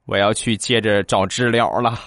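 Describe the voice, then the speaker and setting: A man telling short comic anecdotes in a lively storytelling manner, slipping into acted voices. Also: lowish voice, normal speed, noisy background. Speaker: comic joke teller.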